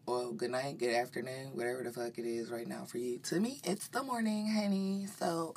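A woman with a low voice that carries a slight morning rasp. She hosts a solo podcast in a loose, chatty style. Her delivery is sassy and unfiltered, with plenty of swearing and familiar pet names. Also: normal speed, darkish tone. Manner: sassy, profane, unfiltered, says "honey" often. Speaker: podcast host. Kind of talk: casual chat, solo podcast. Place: walk-in closet at home.

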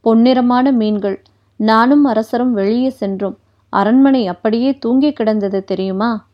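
A woman's voice: on the high side, a little slow, lightly acted. A woman reading as a dreamy young queen. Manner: dreamy, rambling. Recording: dull lo-fi recording.

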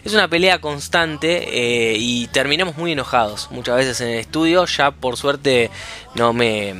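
A man with an Argentine accent chatting casually on a podcast, animated and acting out arguments. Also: mid-range voice, moderate pace, a little hiss or hum. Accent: Argentine Spanish. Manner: animated, acts out phone arguments in different voices. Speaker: podcast co-host. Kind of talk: casual chat.

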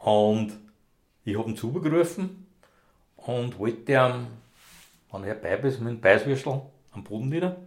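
A man's voice: mid-range voice, expressive, unhurried, long pauses. A man, a former rescue dog handler, telling long rambling anecdotes in broad dialect in a casual interview.

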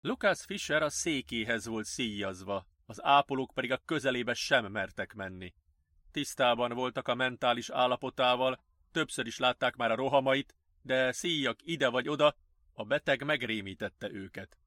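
A man narrating an audiobook with measured, even delivery. His tone is bright and crisp, recorded close and dry with no room sound. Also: medium pitch, no echo.

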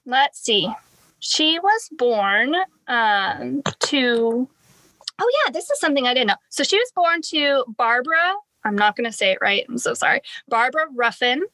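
A woman's voice: fairly high pitch, expressive, unhurried, bright, forceful tone, no echo, poor audio. A young woman co-hosting a casual true-crime podcast, chatty and laughing often, swearing freely as she tells the story. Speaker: podcast co-host.

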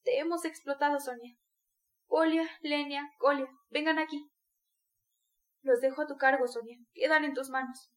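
A woman's voice: high voice, fairly even intonation, normal speed, pauses often, natural voice. A woman voicing a dying mother in delirium, feverish and torn between pleading and rage, in an audiobook reading.

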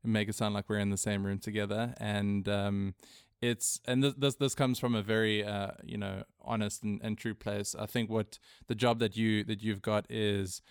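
Low smooth-voiced man. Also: flat delivery, no echo, clean studio sound. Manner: halting, full of restarts and chuckles. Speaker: podcast co-host. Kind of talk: casual podcast interview.

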